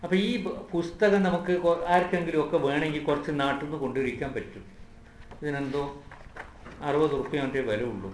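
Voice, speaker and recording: A man teaching a lesson, slow and patient, repeating words for the class to recite. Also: a little high. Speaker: Arabic teacher. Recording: echoey room, faint ambient noise.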